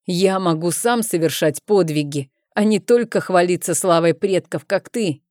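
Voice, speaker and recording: A woman voicing a bold low-born young man who speaks loudly and defiantly. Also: moderate pace, dry recording, studio quality, lightly acted. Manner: loud, defiant.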